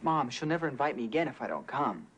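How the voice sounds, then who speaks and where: An overwhelmed boy father in a 1980s TV drama. His voice leaps up and down as he pleads and frets, close to tears. The old broadcast audio carries a steady hiss of noise. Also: mid-range voice, quick pace. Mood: pleading. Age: teens. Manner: pleading, then frantic and near tears with a crying baby. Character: overwhelmed teenage boy, new young father. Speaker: teenage son and young father.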